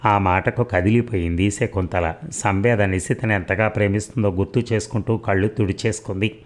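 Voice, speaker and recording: A man narrating an audiobook story in a measured, reflective way. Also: fairly low pitch, steady tone.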